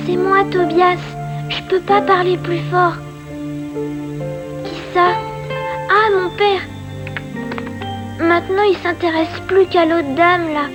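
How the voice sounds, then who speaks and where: A woman playing a young boy in a film, whispering on the phone in a hushed, halting, childlike way. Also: very high-pitched, lo-fi sound. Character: confiding little boy, young grandson.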